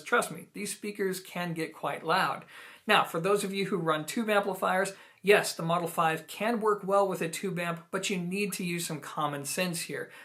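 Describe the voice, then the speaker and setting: Talking to camera in a video product review, this male host, an audio gear reviewer, explains things conversationally and voices emphatic personal opinions. His voice is on the high side and a bit bright.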